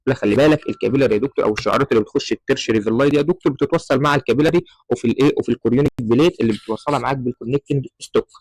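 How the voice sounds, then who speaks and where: A male medical lecturer, Egyptian Arabic in accent, rattles through embryology slides for medical students at a very fast clip with few pauses, often saying "doctor" and using English terms. His mid-range voice has a darkish tone, and the audio is poor.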